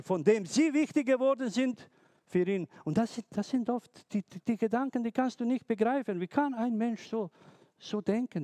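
A man who is not a native speaker delivers a sermon in a slightly high voice, working through his words slowly. He halts and restarts often as he searches for phrasing. The recording is dry and close, with no room sound. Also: warm tone, no echo. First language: not German. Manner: slow, halting, with many restarts and hesitations. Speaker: preacher.

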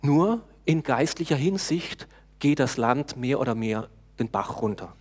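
A male preacher delivering a sermon with a relaxed, talking-to-the-congregation manner. He hesitates now and then, restarts a phrase, and puts questions to his listeners. His voice sits at an ordinary middle pitch for a man. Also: a little slow, husky. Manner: conversational preaching, talks to the congregation, frequent hesitations.

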